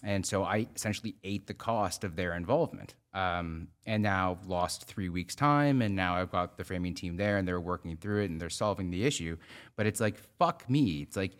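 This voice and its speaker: A man's voice: deep voice, moderate pace. A Canadian man, a general contractor, ranting in a casual podcast chat and swearing freely. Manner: swears a lot, heated ranting.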